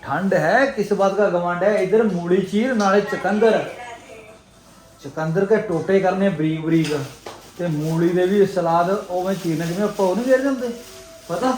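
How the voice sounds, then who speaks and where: A man's voice: high voice, a little slow. A man with a Punjabi accent chatting casually to viewers as a vlog host, exclamatory and teasing, often repeating his phrases. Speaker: family vlogger and host. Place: home, indoors. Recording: echoey rooms with faint background noise.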